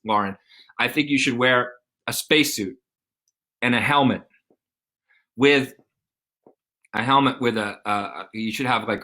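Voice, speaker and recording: Male science host, middle-aged, playful and enthusiastic, bright forceful voice. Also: mid-range voice. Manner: enthusiastic, playful, acts out little scenes. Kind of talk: explaining science to kids on a live stream.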